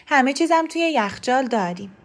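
A woman's voice: high-pitched, animated, voice pushed up. A woman voicing a mother who defends her son against her husband, pleading and indignant. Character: protective mother, pleading and defiant.

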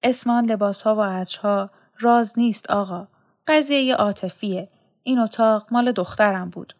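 A woman voicing an older mother who explains, with quiet sorrow, why her dead daughter's room is kept untouched. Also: mid-range voice, close to an everyday voice. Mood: sorrowful.

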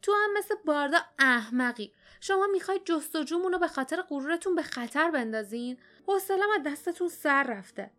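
A woman voicing a fierce, small, wiry young woman with a sharp, scornful way of talking. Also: a little high, animated, faint music behind, close to an everyday voice. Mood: angry.

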